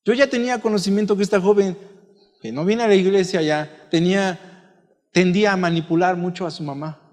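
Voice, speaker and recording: A pastor giving a conversational sermon full of stories and asides. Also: male voice, sits high, steady tone, a little fast, darkish tone, in a large hall. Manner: conversational preaching with anecdotes and asides. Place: church.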